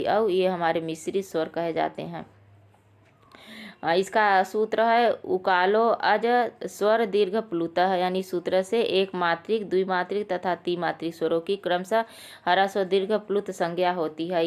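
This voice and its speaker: A woman with a medium-pitched, darkish voice teaches a lesson for a Sanskrit exam. She explains patiently, goes back over the key points, and speaks to viewers as her friends.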